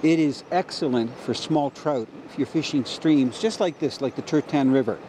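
A middle-aged fishing host narrates on location beside a mountain river, enthusiastic and explanatory. His voice sits a little high for a man. Steady outdoor water noise runs underneath. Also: moderate pace.

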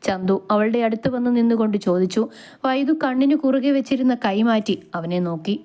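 A woman's voice: a little high, fairly quick. Woman reading a romance story aloud. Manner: steady, expressive reading. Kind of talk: storybook narration.

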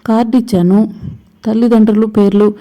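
A woman's voice: fairly high pitch, steady tone, brisk, warm tone, natural voice. A woman voicing a defiant young college girl talking back to her father. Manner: defiant, retorting.

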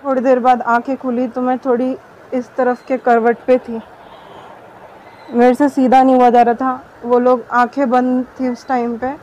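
A woman's voice: high voice, flat delivery, measured pace, darkish tone. A young woman giving an earnest, detailed account in a news interview. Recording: dull muffled audio with faint noise.

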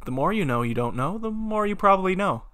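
A man's voice: high voice, sing-song, fast talker, sharp tone, smooth. A man reading computer-written stories aloud at his desk, amused and laughing between lines. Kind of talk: casual reading with commentary.

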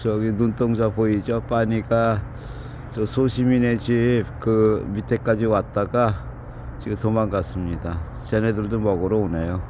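A man's voice: lowish voice, little pitch movement, unhurried, a little mellow, slight background noise. Man chatting and cooing outdoors. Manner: chatty, scolds and coos at animals in turn. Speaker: video host. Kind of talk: casual running commentary while filming outdoors. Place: outdoors in a built-up area before dawn.

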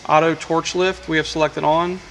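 A man's voice: on the high side, level tone, moderate pace, a bit bright, a little hiss or hum, poor audio. A man, a welding equipment technician, walking through a machine's control panel in a matter-of-fact way, with frequent fillers, recorded in a workshop on a camera mic. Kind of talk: hands-on equipment demonstration.

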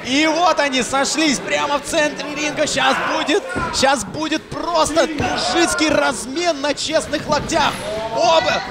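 High-pitched shouting male wrestling commentator. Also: heavy background noise. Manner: shouting, exclamatory, repeats words in excitement. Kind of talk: excited live play-by-play wrestling commentary. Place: commentary booth at indoor wrestling show. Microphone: headset. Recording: loud music and crowd behind.

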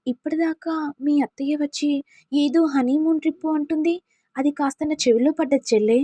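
Woman voicing a scheming young sister-in-law, sly, mocking, higher voice, dry sound. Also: brisk, warm tone, dry recording, natural voice.

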